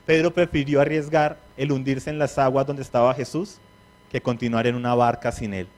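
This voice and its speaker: A man's voice: mid-range voice, flat delivery, normal speed, a little mellow. A man preaching a sermon, who asks the congregation questions and acts out the words of biblical figures.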